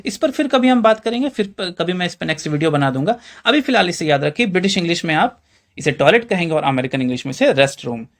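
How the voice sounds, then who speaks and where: A man with an Indian Hindi accent teaches in a chatty lesson style, his voice sitting high for a man. He keeps putting questions to the listener and calls them friends as he explains each word. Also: sing-song, quick pace, a bit bright. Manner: quizzes the viewer with rhetorical questions. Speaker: English teacher.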